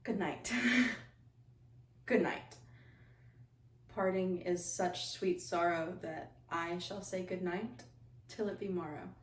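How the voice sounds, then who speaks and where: Lovestruck young girl in classical verse, breathy and giggling, played by a woman; slow, distant echoey room. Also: lowish voice, fairly even intonation. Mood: longing, playful. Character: young lovestruck girl calling to her lover. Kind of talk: classical stage monologue.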